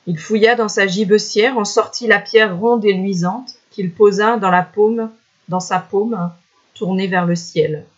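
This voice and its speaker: A storyteller reading a folk tale aloud in a measured, expressive way, on a dull lo-fi recording. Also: mid-range voice.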